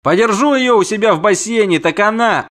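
A man voicing a loud, imperious, lovesick nobleman in an audiobook, barking commands. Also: high-pitched, expressive, brisk, pitched above the performer's own voice. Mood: commanding. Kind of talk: audiobook character voice.

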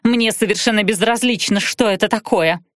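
A woman voicing a haughty, capricious young blonde woman who speaks in a drawn-out, imperious, snappish way. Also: medium pitch, no room sound, studio quality, close to an everyday voice.

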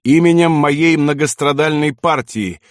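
A man's voice: medium pitch, expressive, measured pace, no room sound, studio quality. A man voicing a desperate, vengeful young lieutenant, talking in a strained, raging way, in an audiobook. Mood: threatening.

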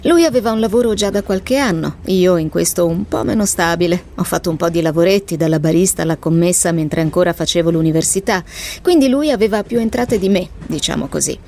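A woman reading a scripted first-person letter in a measured, confessional manner. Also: on the low side, darkish tone. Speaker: reader of a listener's letter. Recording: faint background noise.

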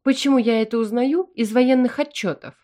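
A woman reading an audiobook and voicing a stern, commanding middle-aged alien noble mother who fires off sharp demanding questions. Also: a little high, a little fast, voice pushed up, lightly acted. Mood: angry. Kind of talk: audiobook character voice.

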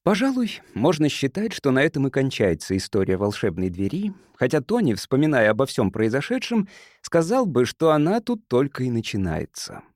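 A man narrating an audiobook in a lively, expressive scripted reading. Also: mid-range voice, moderate pace, no echo, studio quality.

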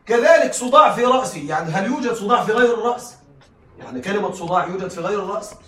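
A man's voice: sits high, expressive, very fast, a bit bright. A male teacher giving a classroom lecture, often checking that the class follows and laughing lightly as he explains. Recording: echoey room, mic at a distance.

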